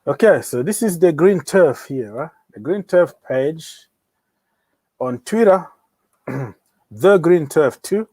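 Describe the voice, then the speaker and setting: A man's voice: on the high side, animated, slow pace, pauses often, a little mellow, breathy edge, no echo. A young man hosting a casual football livestream, joking around and talking straight to his viewers. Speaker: livestream host of a football channel.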